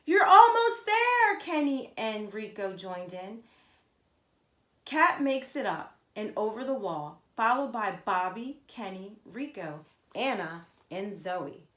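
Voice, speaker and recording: A woman with a medium-pitched voice reads a children's story aloud slowly, like a teacher. Her narration is emphatic and expressive, aimed at young listeners, and the recording sounds echoey and roomy.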